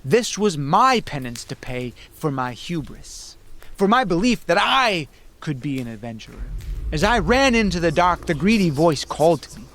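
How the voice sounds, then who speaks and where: A man narrating a scripted first-person fantasy horror story in an intense, theatrical way with dramatic pauses. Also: a little high, sing-song, a bit bright.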